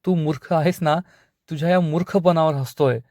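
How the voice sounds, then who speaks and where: A contemptuous middle-aged father mocks his daughter without mercy, read out by a man narrating a serial recap. The voice is mellow and slightly high, and the sound is dry and close. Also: moderate pace, no echo, natural voice. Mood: scornful. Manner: contemptuous mocking. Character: scornful middle-aged father, cold and mocking.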